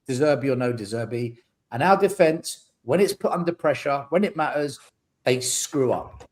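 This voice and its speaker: Man, blunt and emphatic, repeats points, slightly high voice, video call. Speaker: podcast panelist. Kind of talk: casual football chat.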